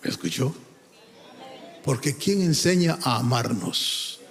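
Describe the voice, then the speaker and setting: A man's voice: medium pitch, expressive, takes it slowly. A man preaching a sermon with emphatic delivery, often calling out to his listeners as brother and breaking into sung lines. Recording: long hall reverb.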